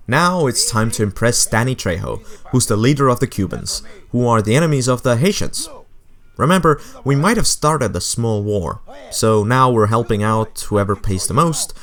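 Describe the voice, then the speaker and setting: A man's voice: lowish voice, a bit bright. A young adult man narrating a video game essay with sarcastic, wry asides. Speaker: game commentator.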